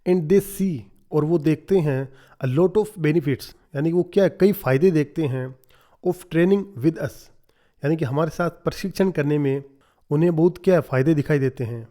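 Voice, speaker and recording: Indian guy reading the news slow then explaining fast, soft mellow tone, a bit high. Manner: reads English phrases slowly, then explains quickly. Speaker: English teacher. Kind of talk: newspaper reading lesson with translation.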